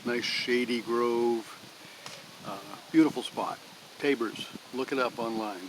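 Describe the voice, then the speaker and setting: A man's voice: medium pitch, steady tone, a little slow, rough recording. An older man chatting casually in a homey, rambling way at a picnic table in a pine grove, recorded on a phone. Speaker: vlogger. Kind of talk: casual outdoor vlog. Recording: outdoor phone recording with clear background noise. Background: breeze, traffic and rustling leaves.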